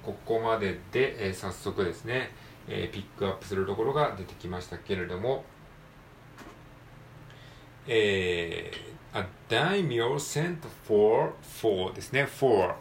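A man practicing reading aloud, repeating single words over and over and calmly explaining the pronunciation points in between. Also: sits low, moderate pace, vocal fry, pauses often, roomy sound, a little hiss or hum. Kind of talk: self-study pronunciation practice.

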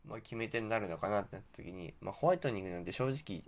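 A man's voice: lowish voice, expressive, rapid-fire. A man hosting a casual solo radio talk, rambling and correcting himself, with slightly slurred articulation from wearing a mouthguard. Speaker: podcast host.

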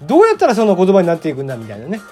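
Racing along with faint music behind him, this Kagoshima host in his forties talks in a high-pitched, warm voice whose pitch swoops wildly. His solo podcast is a casual, rambling, radio-style monologue filled with fillers and chuckles.

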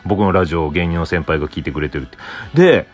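Young guy from hokkaido rambling on his solo podcast, low voice that swings up and down a lot, faint music underneath. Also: animated, fast. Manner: rambling, self-answering with frequent soft "un" fillers. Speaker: podcast host. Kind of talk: solo casual talk.

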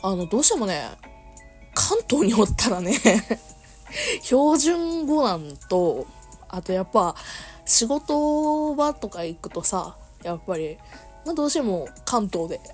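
A woman's voice: fairly high pitch, very animated, a little slow, darkish tone, faint music behind. A young woman with a Kansai accent, chatting casually on her own radio talk show, laughing often and correcting herself as she goes. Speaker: podcast host. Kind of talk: casual solo radio chat.

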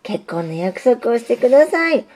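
A woman's voice: fairly high pitch, sing-song, normal speed, darkish tone, pitched above the performer's own voice. A woman voicing an eager lovesick young signal. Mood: pleading. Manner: pleading, eager, repeats himself. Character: earnest lovesick young male railway signal.

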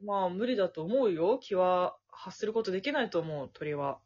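A young woman co-hosting a casual comedy podcast, loud and hyper, playing a mock-formal emcee and laughing often. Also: on the low side, lively intonation, moderate pace, breathy edge. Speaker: co-host. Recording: lo-fi, muffled audio.

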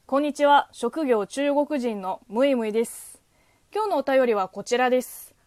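A young woman with Chinese as her first language, talking alone on her own podcast. She chats freely, with a fairly high, springy voice and a soft, mellow tone. The sound is close and dry. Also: normal speed, no room sound. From China. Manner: chatty, lively, self-deprecating asides. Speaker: podcast host. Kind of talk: casual solo podcast talk.

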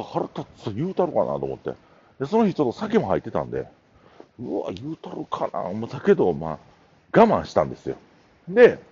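A man's voice: on the low side, darkish tone, slightly rough, lo-fi sound. A middle-aged man with a Kansai accent, hosting a casual solo talk show and telling stories in a chatty, meandering way. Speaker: podcast host.

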